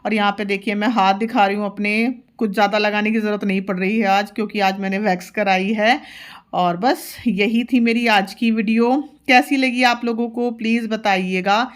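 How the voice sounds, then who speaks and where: A woman's voice: medium pitch, fairly even intonation, normal speed. A woman in her thirties, a mother, chatting casually through a home vlog and explaining each step. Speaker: vlogger, mother.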